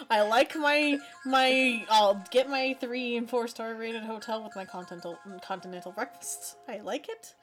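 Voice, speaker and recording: A woman co-hosts a casual podcast and tells a convention travel story with lively energy. Her voice sits a little high. Faint music plays underneath. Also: measured pace. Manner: animated storytelling with laughs. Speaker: podcast co-host. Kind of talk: casual chat.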